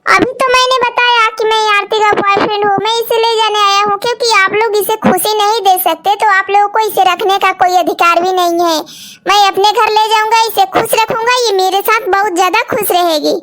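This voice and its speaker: A cocky young boyfriend in a cartoon story who confronts the in-laws and lectures them, played by a woman. The voice is very high for a young man. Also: steady tone, fairly quick, a bit bright. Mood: confrontational.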